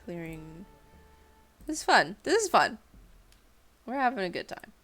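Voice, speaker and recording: A woman's voice: mid-range voice, big pitch swings, a little slow, fairly bright tone, soft background music. A young woman streamer doing a dramatic story reading with playful asides to her chat.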